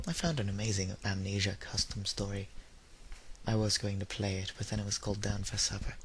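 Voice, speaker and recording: In a noisy, hissy home recording, a young YouTuber, a high-school student in his teens or early twenties, rambles casually through a solo audio log. He's tired and under the weather, with dry, self-deprecating jokes, and his voice is on the low side and creaky.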